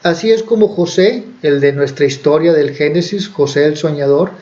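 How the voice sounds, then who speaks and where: A man's voice: fairly high pitch, moderate pace, mellow. A man preaching, who retells a Bible story in a conversational way with fillers and self-corrections. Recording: dull lo-fi recording.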